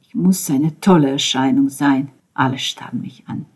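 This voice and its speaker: A woman narrating a German novel in a measured, expressive reading voice that drops softly at times. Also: extremely low pitch, slightly rough. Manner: measured, expressive reading, dropping to soft asides. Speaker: audiobook narrator.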